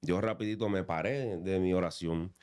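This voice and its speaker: A man hosting a faith podcast, with a lowish voice. He talks like a preacher, building exhortations around his questions. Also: moderate pace, a little mellow, smooth. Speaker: podcast host. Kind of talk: interview, preaching tone.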